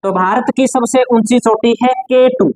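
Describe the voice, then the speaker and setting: Male teacher dictating notes slowly. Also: very high-pitched, a little mellow, dry recording, low-quality recording. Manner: repeats key phrases slowly for note-taking. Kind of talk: classroom lecture dictating notes.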